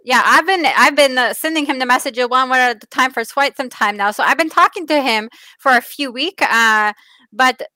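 A woman's voice: a little high, bright, forceful tone, no room sound. A woman voicing an odd, lovestruck character obsessed with crystals, speaking earnestly in broken grammar that drops plurals and adds stray articles. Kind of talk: improvised comedy character.

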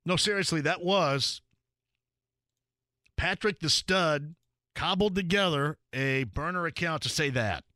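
A man's voice: on the high side, moderate pace, hardly any pauses, sharp tone, no echo, clean studio sound. A man hosting a call-in sports radio show, chatting and joking with callers and laughing often.

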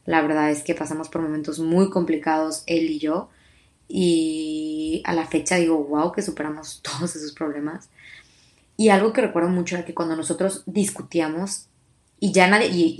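A woman's voice: low-pitched, fairly even intonation, normal speed. A young woman in her twenties with a Mexican accent, hosting a podcast in a chatty, confiding way, with many fillers and restarts. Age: 20s. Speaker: podcast host. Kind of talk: casual personal podcast monologue.

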